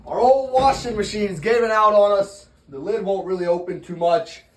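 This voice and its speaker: Higher-pitched man narrating a casual vlog. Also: moderate pace, poor audio. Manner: informal, colloquial. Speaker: vlogger. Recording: faint ambient vehicle noise. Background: faint ambience, vehicle sounds.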